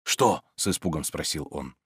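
Man reading an audiobook, low voice with some lilt, dry close mic. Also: very animated, a little fast, no room sound. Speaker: narrator. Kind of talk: audiobook narration.

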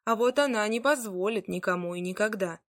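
A woman reads a fairy tale aloud in a lively, dramatic way. Her voice is at a middle pitch. The sound is dry, with no room echo. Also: brisk. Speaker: storyteller. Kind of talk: expressive storybook reading.

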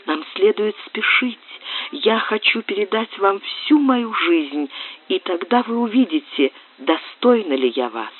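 A woman's voice: mid-range voice, expressive, moderate pace, voice pushed up, lightly acted. A woman reading aloud voices a desperate young woman in love, pleading in an impassioned, tearful way, on narrow, lo-fi audio.

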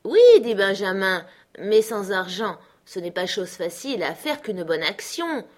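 Une femme lisant Benjamin, oncle ironique et emporté. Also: female voice, mid-range voice, unhurried, lightly acted. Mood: ironic. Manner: exclaiming, ironic. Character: excitable, principled middle-aged uncle, a man.

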